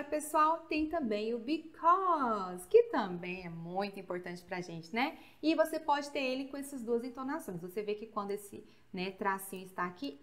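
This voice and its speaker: A woman's voice: high-pitched, a bit bright. Chatty Brazilian woman teaching English grammar. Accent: Brazilian Portuguese, Goiás. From Goiás, Brazil. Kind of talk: video grammar lesson.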